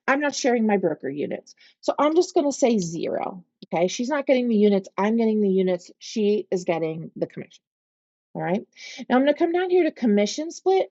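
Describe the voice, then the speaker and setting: A woman with a Pittsburgh accent teaching real estate agents, talking them step by step through commission software and checking in with "okay?" as she goes. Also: medium pitch, no echo. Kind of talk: screen-share software walkthrough. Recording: slightly dull, lo-fi audio.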